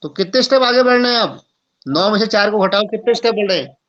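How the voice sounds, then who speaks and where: A man's voice: sits high, expressive, quick pace, fairly bright tone, dull audio. A man teaching an online class, asking students questions and prompting their answers.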